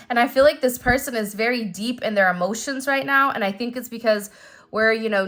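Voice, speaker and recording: Female tarot reader, slightly high voice, conversational and emphatic, addressing one listener directly. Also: fairly bright tone. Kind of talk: intuitive tarot love reading, talking to the viewer.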